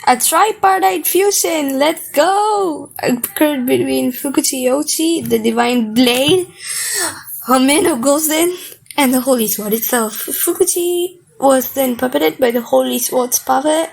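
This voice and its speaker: A young woman casually reacting to a manga chapter, reading panels aloud between excitable, slangy asides. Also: sits high, measured pace, vocal fry, slightly rough, low-quality recording.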